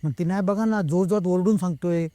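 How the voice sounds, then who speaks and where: Male guest storyteller, slightly high voice, mellow timbre, close dry recording. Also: quick pace, dry recording. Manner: retells the talk of others himself, slipping between Marathi and Hindi. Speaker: guest telling a true ghost story. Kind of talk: casual storytelling.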